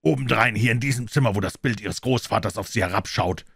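A man playing a sly older butler, monotone and flat, low voice, smooth false politeness, dry close sound. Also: fast talker, no room sound, exaggerated voice. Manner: monotone, apologetic, then harsh.

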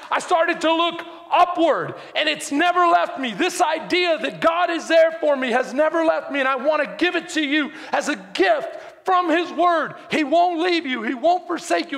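A male pastor preaching a sermon, moving between quiet confiding talk and shouted preaching. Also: very high-pitched, vocal fry, long reverb tail.

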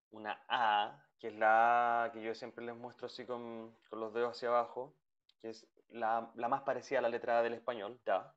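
A man teaching an English class over a video call, patiently repeating each sound and checking in with his students. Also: medium pitch. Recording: dull lo-fi call audio.

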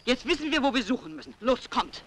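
A woman's voice: high voice, animated, fast, a little hiss or hum. A woman playing an anxious, bossy and loyal housekeeper in a dubbed vintage thriller, urgent and dramatic.

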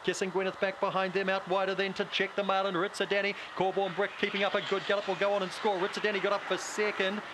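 A man's voice: high-pitched, flat delivery, quick pace, hardly any pauses. A man with a broad New Zealand accent giving live greyhound race commentary in colloquial, clipped running phrases. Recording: noisy outdoor trackside broadcast.

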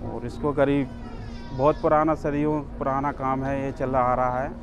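A man's voice: mid-range voice, flat delivery, moderate pace, noisy background. A man in his thirties, a handloom sari weaver, explaining his craft plainly in an interview at an exhibition stall on a lapel mic. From Madhya Pradesh, India.

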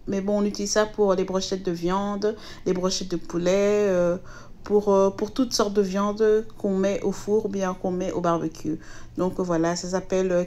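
A Belgian woman with a medium-pitched, darkish voice hosts a home cooking video, talking viewers through a recipe in casual voice-over. She's chatty and hesitant, using lots of fillers. There's a little hiss or hum in the recording.

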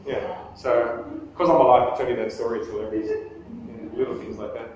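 Speaking at a normal speed in a medium-pitched, darkish voice, a man in his thirties gives a live talk with questions to a small group, restarting sentences often and making self-deprecating jokes. The far camera mic on a table across the small meeting room makes him sound distant and very echoey, with faint background noise and no highs.

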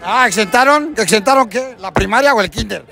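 A man's voice: sits high, animated, fairly quick, vocal fry. A man with a Mexican accent hosting a crude, teasing street vlog, joking with fans outdoors. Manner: teasing, profane, chanting, laughing. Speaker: vlogger host interviewing fans. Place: outdoors in a busy crowded street outside a stadium. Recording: loud crowd and street noise.

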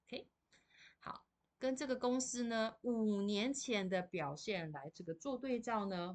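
A woman English teacher with a Taiwanese Mandarin accent, patiently explaining vocabulary in a recorded lesson and reading example sentences slowly. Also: medium pitch.

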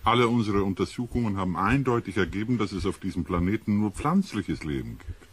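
An actor playing a sober, rational male scientist in a German radio play, husky and measured. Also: on the low side, animated. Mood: sober, skeptical. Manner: measured, reasoning.

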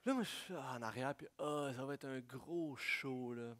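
A man preaching a sermon, swinging from hushed prayerful lines to loud, excited storytelling. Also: mid-range voice, moderate pace. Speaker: pastor.

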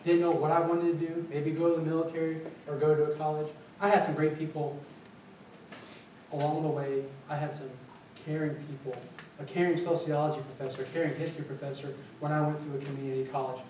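Fast and a little high-voiced, a male Filipino college administrator in his forties gives an upbeat conference presentation, pacing, gesturing and asking the audience questions. He's recorded by a distant camera with no visible mic in a small meeting room with windows. The capture is roomy and echoey, with a little hiss or hum.

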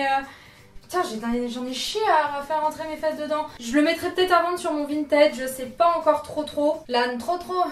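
Young french woman doing a clothing haul, high voice, joking around, roomy echo. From France. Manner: chatty and jokey, self-mocking asides. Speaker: fashion YouTuber. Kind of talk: casual try-on haul chat. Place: room indoors under artificial lights.

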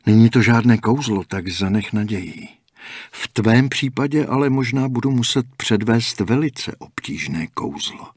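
A man voicing a calm, cryptic older male gas station attendant in an audiobook, speaking slowly and matter-of-factly in a hushed, half-whispered way. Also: medium pitch, slightly rough, dry recording, studio quality.

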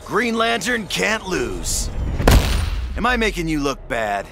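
An actor playing a cocky, confident superhero space cop in a video game, in declarative lines. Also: male voice, high-pitched, very animated, slow pace, vocal fry, over loud music, full character voice. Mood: bold, defiant.

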